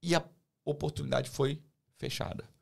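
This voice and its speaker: Creaky-voiced Brazilian man telling his story. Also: a little high, normal speed. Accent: Brazilian Portuguese. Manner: animated, acts out quoted dialogue. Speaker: guest, teacher. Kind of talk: personal testimony storytelling.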